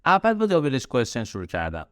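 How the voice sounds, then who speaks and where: A man with a Persian accent teaching English grammar in a recorded lesson, slowing down to spell out example sentences and drilling key words by repetition. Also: medium pitch, wildly swooping pitch, smooth, no room sound, studio quality.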